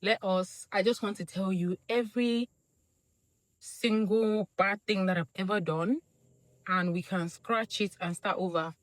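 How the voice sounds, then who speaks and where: A young woman vlogger from Nigeria telling a casual storytime monologue, acting out quoted lines with big jumps in her voice. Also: measured pace. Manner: animated, acts out quotes with big pitch jumps.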